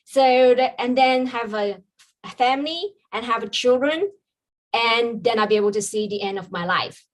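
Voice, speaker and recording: A business coach from China tells her personal story as a podcast guest, earnest and reflective, with frequent ums. Her voice is on the high side and she speaks at normal speed.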